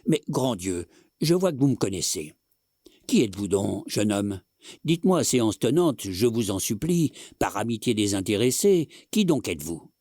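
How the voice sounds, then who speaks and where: A man voicing a flustered, timid gentleman who pleads in a panic. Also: fairly low pitch, big pitch swings, moderate pace, dry recording, clean studio sound. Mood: pleading.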